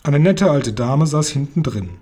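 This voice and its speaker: Ein Mann, der ein Kinderbuch lebendig und ausdrucksvoll vorliest. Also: male voice, on the high side, expressive, moderate pace, warm tone, a little hiss or hum. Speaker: reader. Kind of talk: reading a children's book aloud.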